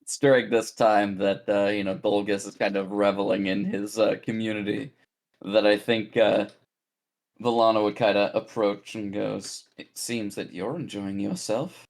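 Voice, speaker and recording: Lowish-voiced man running a tabletop game. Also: flat delivery, moderate pace, gravelly. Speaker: game master. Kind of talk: casual tabletop game narration.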